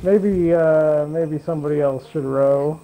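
A man's voice: on the high side, steady tone, measured pace, dark tone, faint music behind, poor audio. A man chatting casually with friends during a video game in a dry, understated way. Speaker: player in a co-op video game session. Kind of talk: casual gameplay chat with friends.

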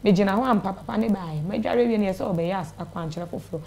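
A young adult woman with a Ghanaian accent talks fast in a warm, gravelly, mid-range voice. As a studio interview guest, she gives a personal account and retells conversations, recorded on a lapel mic in a small indoor TV studio.

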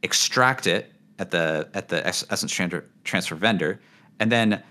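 A man hosting a casual gaming chat, rambling with lots of fillers and trailing off quietly at the ends of thoughts. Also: sits low, moderate pace. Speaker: gaming channel host.

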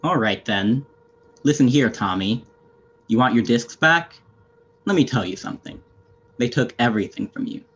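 A man's voice: medium pitch, animated, moderate pace, pauses often, a bit bright, slightly rough. A young man playing a stern, weary, menacing anarchist fighter, curt and sardonic, in an amateur video game role-play drama. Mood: grave, persuasive. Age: young adult. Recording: muffled lo-fi headset audio.

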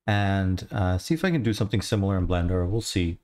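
A 3D artist in his thirties livestreams from his home studio through a headset mic, chatting casually and answering viewer questions in a relaxed, rambling way. His voice sits low and moves fast, with a mixed Australian, Irish and American accent.

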